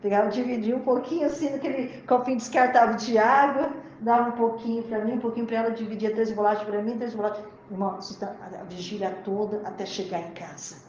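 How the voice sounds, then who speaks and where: A woman's voice: medium pitch, a little mellow. A woman gives an emotional sermon with personal testimony, calling out to the brothers and sisters again and again. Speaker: preacher. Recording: echoey, muffled, slightly noisy recording.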